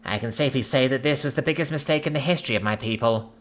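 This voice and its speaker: A man's voice: mid-range voice, racing, a bit bright, pitched above the performer's own voice, lightly acted. A man voicing a weary, defeated male alien ruler who speaks formally, solemn and pleading. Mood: weary, grave.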